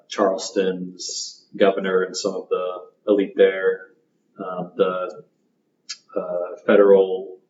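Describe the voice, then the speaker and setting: A man in his thirties chatting as a podcast guest, halting with many ums and restarts. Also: low-pitched, darkish tone, a little hiss or hum. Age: 30s. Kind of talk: casual podcast chat. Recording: roomy, muffled podcast audio.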